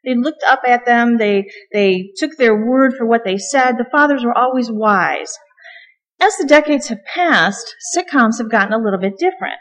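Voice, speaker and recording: Preaching from the pulpit as a guest, a middle-aged woman keeps her sermon chatty and humorous, dotted with ums. Her voice sits a little high and sounds animated at a moderate pace, echoing through the reverberant church.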